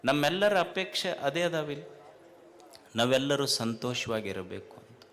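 A man giving a sermon to a crowd. He repeats lines for stress and builds to loud, emphatic questions. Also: mid-range voice, very animated, normal speed. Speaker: swami giving a spiritual discourse.

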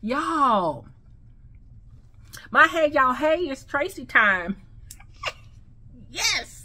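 A woman with a slight lisp, speaking with new veneers in an excited, gushing casual vlog to her viewers. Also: high voice, drawn-out words. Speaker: vlogger. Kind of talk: casual product review vlog.

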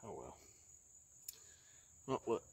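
A man, chatting casually while fishing from an outdoor lake dock, recorded on a handheld phone and often talking low and hushed. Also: takes it slowly, dry recording. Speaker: fishing vlogger. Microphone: handheld phone camera.

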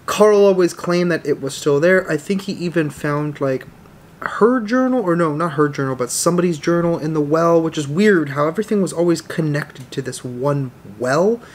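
A man in his thirties giving casual, excitable, sweary reaction commentary as a video host in a small home office. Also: fairly high pitch, normal speed, hardly any pauses.

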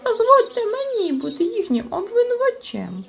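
A woman voicing an excitable old male rat-like creature from a storybook, shrill, loud and sentimental. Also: normal speed, creaky, a little hiss or hum, exaggerated voice. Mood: indignant.

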